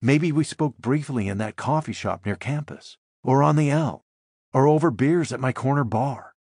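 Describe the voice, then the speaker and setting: A man reading a first-person thriller as an audiobook, in a tense, measured way. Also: medium pitch, darkish tone, no echo, studio quality. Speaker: audiobook narrator.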